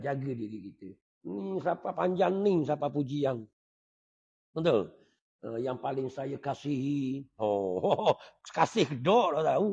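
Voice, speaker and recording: A man's voice: sits high, creaky, husky. A man giving a conversational religious lesson, often checking with his listeners. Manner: conversational, keeps asking the audience "right?". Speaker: religious teacher. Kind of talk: sermon. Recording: dull lo-fi recording.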